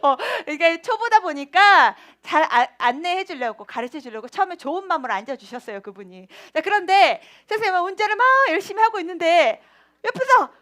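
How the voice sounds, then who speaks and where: A woman, talking in a lively, playful way and laughing often. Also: very high voice, fairly quick, hardly any pauses. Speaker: children's ministry preacher. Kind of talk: children's sermon.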